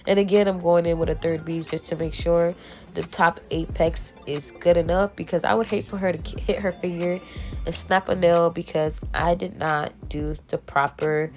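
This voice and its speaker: A woman's voice: lowish voice, fairly even intonation, normal speed, a little mellow. A woman nail tech with a stuffy nose from a cold, talking through her work in a chatty, emphatic, slangy way. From South Florida. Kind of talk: casual voice-over tutorial. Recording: voice-over with faint background music.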